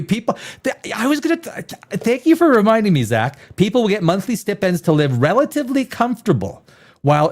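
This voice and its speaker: A man in his fifties hosting a live stream, talking in a rambling, opinionated way with many restarts while reading viewer comments. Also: fairly high pitch. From born in Czechoslovakia, raised elsewhere. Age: 50s. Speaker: live show host reading chat.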